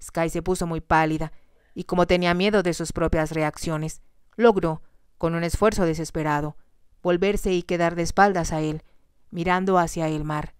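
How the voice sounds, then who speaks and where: Female storyteller, soft ASMR reading, gentle and calm, smooth low-ish voice. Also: normal speed, dry recording, studio quality.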